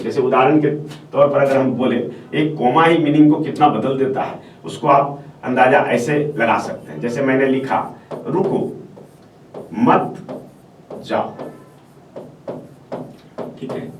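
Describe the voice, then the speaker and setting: A male teacher giving a step-by-step classroom lecture on answer writing, repeating phrases and checking in with the class as he goes. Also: mid-range voice. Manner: explains step by step, repeats phrases, often says "ठीक है". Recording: echoey room, voice from far off, faint hiss.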